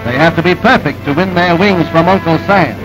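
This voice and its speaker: High-voiced man, old newsreel narrator. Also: loud music behind the voice, low-quality recording. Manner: brisk, emphatic announcer delivery.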